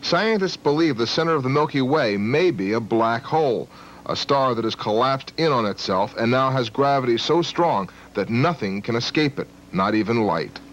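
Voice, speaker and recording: A man's voice: mid-range voice, expressive, normal speed, fairly bright tone, slight background noise. A man narrating a scripted television news report as a correspondent. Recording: dull archival TV audio, busy background.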